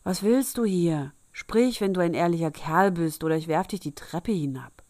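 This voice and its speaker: A woman's voice: low-pitched, lively intonation, moderate pace, no room sound, studio quality. A woman doing an eager, naive farm boy. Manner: earnest, eager, raised and loud.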